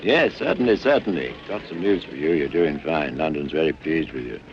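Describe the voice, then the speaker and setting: An urbane British official. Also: male voice, very deep voice, expressive, brisk. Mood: genial. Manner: polished, leisurely and genial. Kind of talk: 1960s film acting. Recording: dull old film soundtrack, street noise.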